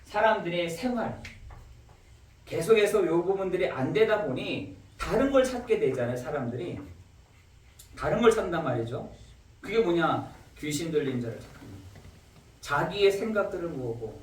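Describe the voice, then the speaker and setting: A man preaching a sermon as pastor, acting out pleading questions with lively delivery. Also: on the high side, moderate pace, slight background noise. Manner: animated preaching, acts out questions to God. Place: church sanctuary. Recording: echoey church hall, mic at a distance.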